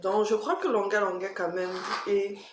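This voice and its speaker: A woman's voice: mid-range voice, normal speed. A woman with a Cameroonian accent chatting casually for a vlog, emphatic, repeating herself and tossing in rhetorical questions. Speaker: vlogger answering tag questions. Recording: roomy echo, faint background music.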